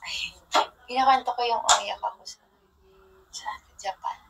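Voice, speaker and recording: A young woman casually chatting on a livestream from her phone, telling rambling stories with soft trailing asides. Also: a little high, fairly even intonation, normal speed, creaky, very noisy.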